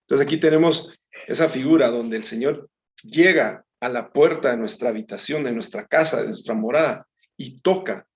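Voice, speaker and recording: A man's voice: mid-range voice, moderate pace. A man teaching a Bible study in a conversational way, calling his listeners brethren and reading scripture aloud. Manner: reads scripture aloud with small slips. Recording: dull lo-fi recording.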